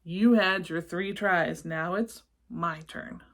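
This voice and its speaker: A hulking, stubborn storybook monster acted out by a woman. He speaks gruffly, grumbling and growling his words at a slow pace. He sounds like a grouchy brute who will not budge. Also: on the low side, a bit bright. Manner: growling, grunting, thundering.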